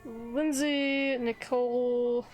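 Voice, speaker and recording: A woman's voice: a little high, fairly even intonation, very slow, darkish tone. A woman streamer chatting casually with viewers while she plays a video game. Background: faint game music.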